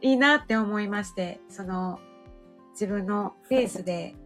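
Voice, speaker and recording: A woman, co-hosting a casual live chat and often murmuring agreement and laughing softly. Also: mid-range voice, a little slow, soft background music. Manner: warm, frequent agreeing murmurs, soft laughs. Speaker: co-host of a couple's podcast.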